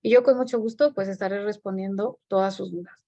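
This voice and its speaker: A woman's voice: mid-range voice, fairly even intonation, brisk, warm tone. A woman giving an online talk on parenting, explaining and often checking in with listeners. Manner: explanatory, frequent rhetorical checks. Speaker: speaker on parenting. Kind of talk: webinar talk. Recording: muffled lo-fi audio.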